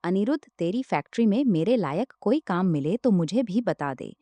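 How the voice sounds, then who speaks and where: A woman's voice: medium pitch, lively intonation, moderate pace, mellow, no echo, natural voice. A woman playing a stern, loving mother. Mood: worried. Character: worried middle-aged mother, stern and loving.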